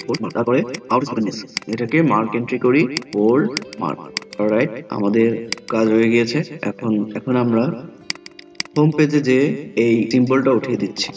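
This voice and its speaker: Man narrating a lo-fi screen tutorial. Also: mid-range voice. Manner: step-by-step, narrating each click. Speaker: software tutorial instructor. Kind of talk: screen-recorded software lesson. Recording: dull lo-fi mic from a distance.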